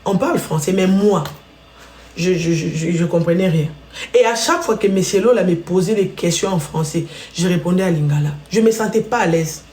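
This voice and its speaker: Speaking fairly quickly in a lowish, darkish voice, a Congolese woman from the DRC chats with her live-stream audience, addressing them directly and sharing stories. The room sounds echoey.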